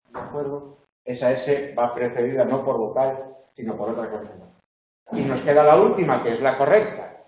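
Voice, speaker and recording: A man's voice: medium pitch, a little mellow. A male university tutor going methodically through exam answers and often checking that students follow. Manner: methodical, checks understanding with frequent "¿de acuerdo?". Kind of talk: lecture correcting exam answers. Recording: echoey, dull lo-fi classroom recording.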